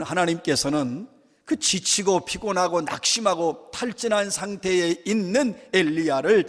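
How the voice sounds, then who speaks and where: A male pastor with a fairly high voice delivers a fervent sermon from the pulpit. His words ring out through a church sanctuary with a long, lingering reverb. He leans into emotional emphasis and slows down on key phrases. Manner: fervent preaching that acts out quoted prayers.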